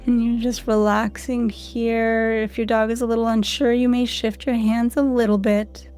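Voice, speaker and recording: A woman calmly guiding listeners through a guided audio lesson in an unhurried, soothing voice. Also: fairly high pitch, soft background music. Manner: calm, soothing, unhurried instructions. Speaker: canine rehab instructor.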